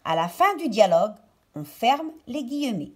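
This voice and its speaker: A woman's voice: on the high side, big pitch swings, normal speed, a little mellow. A woman primary school teacher giving a recorded lesson to children, explaining step by step and phrase by phrase as if dictating, with stress on key words. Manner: didactic, phrase-by-phrase delivery as if dictating.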